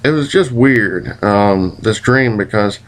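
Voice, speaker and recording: A man's voice: lowish voice, takes it slowly, low-quality recording. A man casually rambling through a recounted dream in a hazy, puzzled way, groping for words, with folksy, mildly profane phrasing. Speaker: vlogger.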